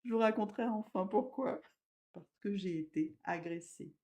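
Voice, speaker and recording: Gentle woman with a mellow voice. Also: mid-range voice. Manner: gentle, slow, with sudden loud emphasis and soft drops. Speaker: spiritual medium. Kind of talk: spiritual live talk.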